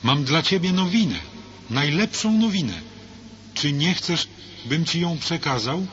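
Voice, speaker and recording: A man's voice: fairly low pitch, expressive, a little slow, fairly bright tone. A man voicing a kind, pleading male governor disguised as a clergyman, in a read-aloud story. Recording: dull lo-fi with faint hiss.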